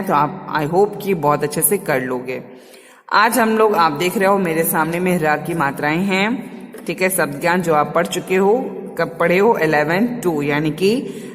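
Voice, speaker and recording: A woman's voice: sits low, a little slow, big-room sound. A woman teacher giving a revision class to small children, patiently repeating words for them to say back.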